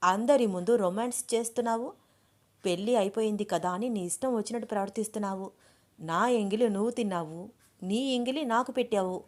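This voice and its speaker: A woman's voice: mid-range voice, a little fast, a little mellow, natural voice. A woman voicing a flustered scolding young bride.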